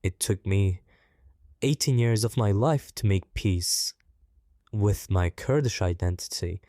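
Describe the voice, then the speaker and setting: A man, his voice disguised to sound deep, speaking thoughtfully and in a measured way in an interview. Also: mellow, dry recording, clean studio sound. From Turkey. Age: 20s. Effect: voice disguised, altered deeper. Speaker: interview guest. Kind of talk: reflective personal interview.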